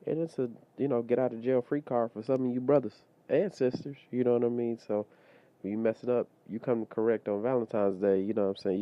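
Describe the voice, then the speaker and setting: Deep-voiced man hosting a casual podcast. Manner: loose conversational, many fillers like "you know what I mean". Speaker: podcast host. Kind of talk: casual solo podcast monologue. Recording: slightly dull lo-fi audio.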